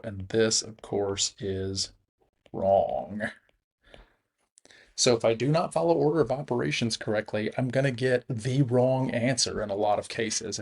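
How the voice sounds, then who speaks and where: With a gravelly, mid-range voice that has a breathy edge, a man teaches a recorded math lesson. He explains the steps casually and laughs at his own slips.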